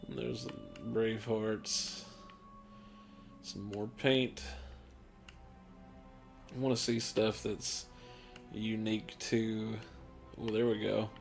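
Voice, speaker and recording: A man's voice: lowish voice, level tone, takes it slowly, gravelly, pauses often, faint music behind. A man casually talking through a video game's character creator, rambling and offhand with lots of fillers, tired and yawning late at night. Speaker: gaming channel host. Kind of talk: casual gameplay commentary.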